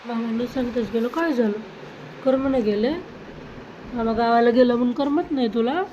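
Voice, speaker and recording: A woman gently coaxing and questioning a small child at home. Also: on the high side, fairly even intonation, moderate pace, muffled recording, a little hiss or hum. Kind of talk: talking softly to a small child.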